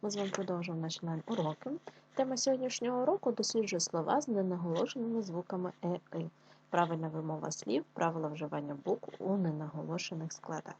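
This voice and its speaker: A woman teaching an online lesson to young schoolchildren, dictating words slowly and clearly with each stress marked. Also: fairly low pitch, a little mellow, dull audio, slight background noise.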